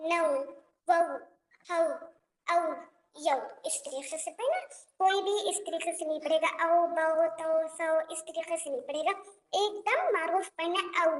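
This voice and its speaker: A woman teaching an online tajweed lesson, sounding out syllables slowly one by one and patiently repeating corrections to her students. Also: extremely high pitch, fairly bright tone. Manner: slow, drilled syllable-by-syllable recitation. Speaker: Quran reading teacher.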